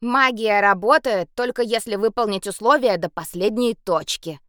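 A woman's voice: a little high, animated, unhurried, fairly bright tone, no room sound, clean studio sound, pitched above the performer's own voice. A woman voicing a mischievous, giggly werewolf boy in a storybook reading, teasing and eager.

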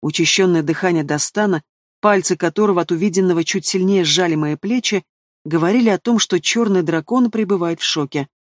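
A male narrator reading a fantasy novel aloud in the first person, expressive and engaged with the heroine's thoughts. His voice sits high for a man and the sound is dry and close to the mic. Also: fairly quick, dry recording. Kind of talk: audiobook narration.

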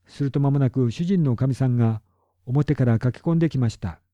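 Dark-voiced man reading a storybook. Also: medium pitch, fairly quick, dry recording. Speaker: narrator. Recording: dull lo-fi recording.

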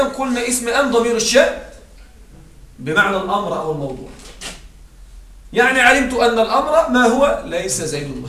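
Male grammar teacher, high voice, checks in with students a lot, recorded from a distance in a room with faint hiss. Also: a bit bright, reverberant. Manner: checks understanding with frequent "right?"; recites Quranic verses slowly and drawn out. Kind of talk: classroom grammar lesson.

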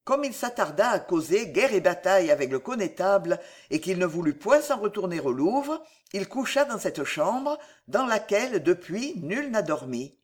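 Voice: medium pitch, very animated, moderate pace. Stately nobleman, as the reader puts him on, formal and ceremonious, audiobook. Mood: solemn. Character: dignified older male nobleman. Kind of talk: audiobook character reading.

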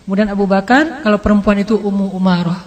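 A man preaching as an Islamic teacher, telling a story in an animated, conversational way and acting out quotes. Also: high voice, quick pace. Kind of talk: storytelling sermon. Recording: long hall reverb.

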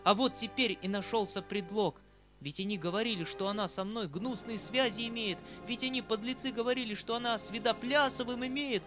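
A man reading an audiobook, voicing an agitated, kindly older country gentleman who talks loudly and urgently. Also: high voice, normal speed, over music, natural voice. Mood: desperate. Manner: loud, urgent, exclaiming. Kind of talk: audiobook character voice.

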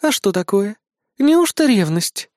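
A man reading an audiobook, voicing a sly young queen who talks in a soft, purring way. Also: sits high, lively intonation, moderate pace, dry recording, studio quality, pitched above the performer's own voice. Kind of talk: audiobook character voice.

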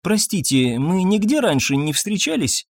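Man putting on a high fretful little doctor. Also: very animated, normal speed, slightly rough, dry recording, clean studio sound, heavily acted. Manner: timid, apologetic, rambling. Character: fussy nervous absent-minded male doctor.

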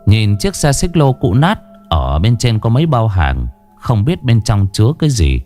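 A man narrates a horror story with a lively, expressive voice. His pitch moves a lot. Faint music plays under him. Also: moderate pace.

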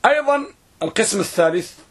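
A man teaching a grammar lesson, who repeats words and draws them out slowly for students to write down. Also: high voice, lively intonation, husky. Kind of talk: classroom lesson.

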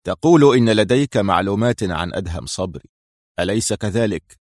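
A man's voice: sits low, a little fast, dry recording, clean studio sound, voice pushed down. A man voicing a cold, stern male intelligence officer who speaks curtly, in a storybook reading. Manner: cold and curt.

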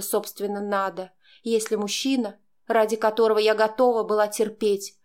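A woman reads a first-person audiobook in a voice that is neither high nor low. Her storytelling is expressive and carries the emotion of the text. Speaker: audiobook narrator.

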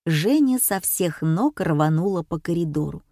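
A woman's voice: fairly low pitch, animated, unhurried, dark tone, no room sound, clean studio sound. A woman reading a story aloud, narrating an audiobook. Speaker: audiobook reader.

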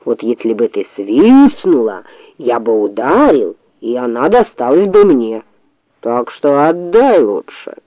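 A woman's voice: a bass voice, very animated, slow pace, no room sound, voice pushed down, exaggerated voice. A woman voicing a big clumsy male bear who bellows and whimpers, in a storybook reading. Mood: bellowing. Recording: dull lo-fi audiobook sound.

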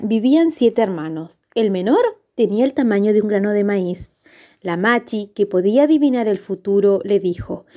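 Gentle woman telling a children's story. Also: mid-range voice. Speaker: radio storyteller.

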